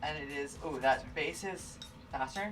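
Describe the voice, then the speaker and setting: A man's voice: on the high side, moderate pace. Sassy drag queen man over music. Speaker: demonstration assistant. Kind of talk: casual comic banter. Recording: distant mic under clear background music.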